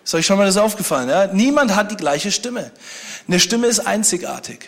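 A man's voice: high-pitched, sing-song, brisk, creaky. A man preaching a sermon, speaking conversationally and joking with the congregation. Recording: long hall reverb.

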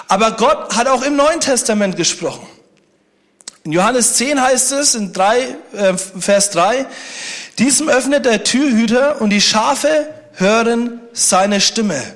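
A man's voice: extremely high pitch, fairly bright tone. A man preaching a sermon, speaking conversationally and joking with the congregation. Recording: long hall reverb.

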